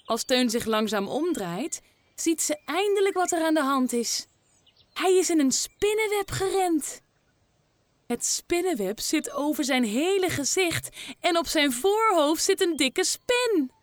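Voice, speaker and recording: A woman narrating a children's story slowly and expressively. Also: high-pitched, lively intonation, no room sound.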